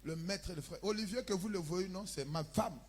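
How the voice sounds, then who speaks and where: Husky high-pitched Congolese preacher. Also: male voice, brisk. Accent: Congolese French. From Republic of the Congo. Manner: preaching with loud emphatic bursts and chanted lines. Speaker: pastor. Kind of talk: sermon. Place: church.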